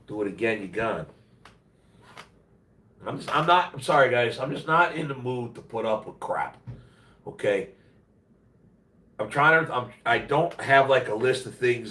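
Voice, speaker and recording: Medium in pitch, his voice comes out pushed and bright despite the congestion, nasality and weariness of being sick. He hosts a rambling home livestream, blunt, slangy and plain-spoken. The mic sits far off in a roomy, echoing indoor space.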